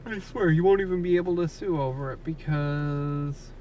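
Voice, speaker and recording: Higher-voiced man chatting, distant noisy mic. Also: moderate pace, warm tone. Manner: sweary, grumbling. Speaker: livestream co-host. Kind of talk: casual chat. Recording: distant mic with background noise.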